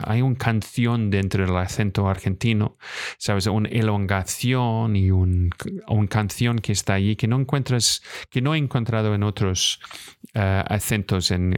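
Low-voiced man speaking haltingly. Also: darkish tone, smooth, dry recording, clean studio sound. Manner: halting, many restarts and fillers. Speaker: guest filmmaker. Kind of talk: live-stream interview.

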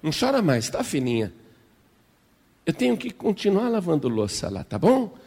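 A man doing a gentle soothing mother. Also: sits high, huge pitch swings, normal speed, gravelly, breathy edge, big-room sound, voice pushed up, exaggerated voice. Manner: soft soothing reassurance. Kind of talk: sermon illustration.

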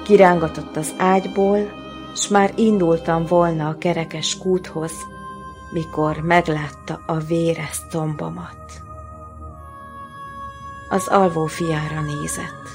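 A woman author reading her own literary prose aloud in a slow, measured, grave manner. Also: on the low side.

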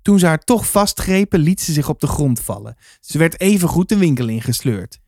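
A man reading a children's novel aloud in a calm, measured storytelling manner. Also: fairly high pitch, dry recording, studio quality. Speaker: reader.

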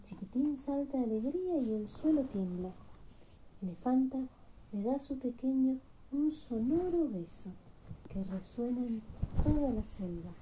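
A woman reading a storybook aloud to her child at bedtime, gentle and expressive. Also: sits high, unhurried, a little hiss or hum, low-quality recording.

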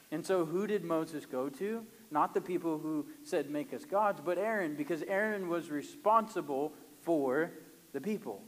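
A man preaches with dramatic emphasis, lingering on scripture and breaking into light chuckles. His voice sits a bit high for a man. The sound carries a long reverb, as if in a large hall. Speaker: pastor. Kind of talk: sermon with scripture reading.

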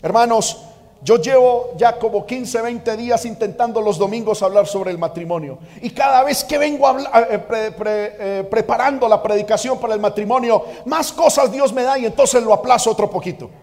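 A man preaching a sermon as pastor, fervent, moving from quiet asides to shouted exhortation. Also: extremely high pitch, normal speed. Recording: reverberant church hall.

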